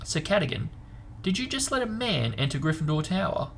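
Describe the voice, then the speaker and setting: A man's voice: on the high side, very animated, brisk, creaky, fairly bright tone, slight background noise, voice pushed up, exaggerated voice. Man as stern, exasperated Professor McGonagall. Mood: shocked, stern. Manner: stern, clipped, indignant. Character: stern, exasperated female teacher scolding pupils. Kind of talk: storybook read-aloud.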